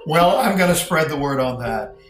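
A man's voice: on the high side, animated, normal speed, reverberant, faint music behind. Man interviewing an old friend. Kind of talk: casual interview.

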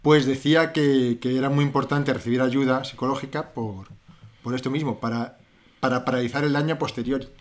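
A man co-hosting a podcast, chatting casually and telling stories with mocking quoted voices. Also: medium pitch. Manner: fast, animated storytelling with mocking quoted voices. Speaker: podcast co-host. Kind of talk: casual chat.

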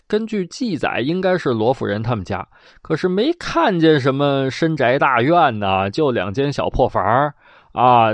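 Lively storyteller. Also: male voice, mid-range voice, no room sound. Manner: lively, colloquial, sound effects. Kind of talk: traditional oral storytelling.

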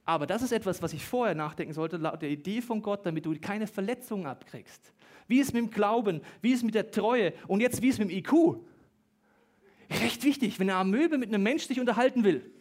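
A man in his thirties preaching a humorous sermon, lively, with joking asides and bursts of fast talk. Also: sits high.

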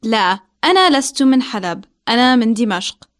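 High-voiced lady, native arabic speaker, doing a language lesson as co-host. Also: lively intonation, racing. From Syria. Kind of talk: scripted language lesson dialogue and chat.

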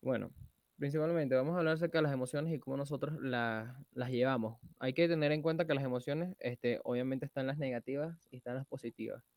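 A young man with a Venezuelan accent co-hosting a podcast, joking in slangy casual chat with loud bursts. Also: mid-range voice, brisk, no echo. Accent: Venezuelan Spanish. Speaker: podcast co-host.

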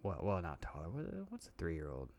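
A man's voice: sits low, huge pitch swings, moderate pace, a little mellow. Crude, joking man on a podcast. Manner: profane, blunt and joking. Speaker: podcast co-host. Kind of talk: casual podcast chat.

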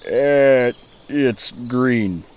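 An actor voicing a slow, easygoing big male bear with a deep, drawling voice in a cartoon. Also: darkish tone, slight background noise. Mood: dopey. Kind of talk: cartoon voice acting.

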